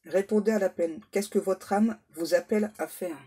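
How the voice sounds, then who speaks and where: A woman giving a spoken card reading as a medium, repeating herself with many fillers and clearing her throat often. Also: medium pitch, moderate pace, dark tone. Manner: repetitive, filler-heavy, insistent. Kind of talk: spoken tarot guidance to viewers.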